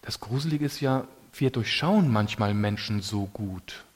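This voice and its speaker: A man preaching a sermon to a congregation in a casual, colloquial way, with lively emphasis. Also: fairly low pitch, a little slow.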